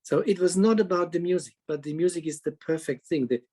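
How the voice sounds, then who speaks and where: A man with a somewhat high voice asks questions at a panel. He speaks haltingly, often repeating words before finishing his thought, and his phrasing is slightly non-native. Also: mellow. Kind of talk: conference panel talk.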